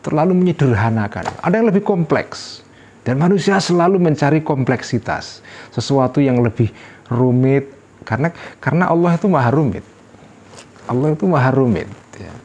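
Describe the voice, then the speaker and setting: A man's voice: mid-range voice, lively intonation, moderate pace, a little mellow, a little hiss or hum. Man teaching a text in conversational style. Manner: conversational, full of rhetorical questions and tag words; voice lifts sharply when quoting an exclamation. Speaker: teacher of a classical religious text. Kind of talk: relaxed study-circle lecture.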